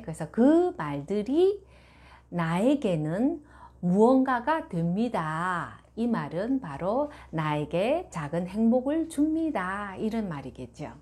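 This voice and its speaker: A woman teaching a lesson at an unhurried pace, her pitch rising and falling in a lively, animated way. She explains patiently and sounds out the French phrases slowly and clearly.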